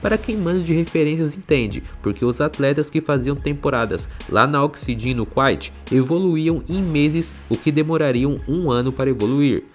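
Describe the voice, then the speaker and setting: Brisk male news voice-over over music. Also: on the high side. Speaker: news presenter. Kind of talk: scripted news narration.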